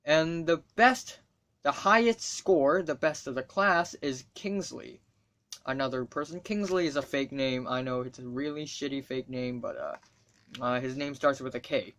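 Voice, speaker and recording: Talking casually to camera, a teenage student vlogger from Hong Kong, a native Cantonese speaker, rambles, swears freely and drops wry asides. His voice is medium-pitched, a bit bright, and a little slow.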